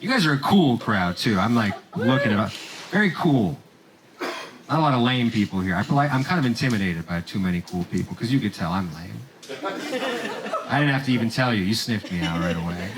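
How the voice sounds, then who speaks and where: A man from Romania performing a stand-up set on a theater stage, with deadpan jokes and quick voiced asides. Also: fairly low pitch, noisy background. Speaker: stand-up comedian. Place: comedy theater stage with live audience. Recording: live stage recording with crowd laughter.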